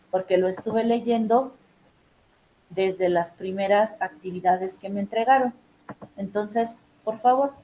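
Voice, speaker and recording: A woman's voice: medium pitch, dark tone, slight background noise, rough recording. A woman teacher giving emphatic, direct instructions to her students in an online class session.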